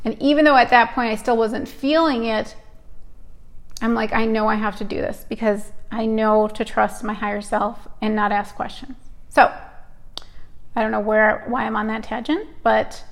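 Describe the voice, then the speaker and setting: Middle-aged woman, live-stream card reader, rambling and hyper, slightly high, fry in the voice. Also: steady tone, moderate pace. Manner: chatty, rambling, hyper and self-interrupting.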